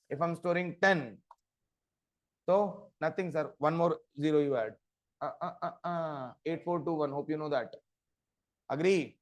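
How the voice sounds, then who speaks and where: A man giving an interactive programming lecture, often stopping to quiz his listeners with short check questions. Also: on the high side. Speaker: programming instructor. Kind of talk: interactive live coding lecture.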